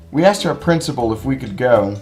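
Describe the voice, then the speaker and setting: Slow, dry-humored teenage guy. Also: medium pitch, a little mellow. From California. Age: late teens. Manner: dry, self-mocking asides. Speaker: channel host reading a book aloud. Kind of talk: reading a children's book aloud with commentary.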